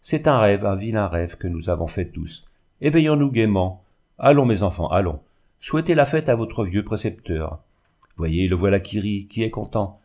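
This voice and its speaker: A man's voice: fairly low pitch, unhurried, mellow. A man voicing a tearful old schoolmaster. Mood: forced cheer. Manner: broken, pleading speech, then forced cheer. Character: old male village schoolmaster, tender and tearful.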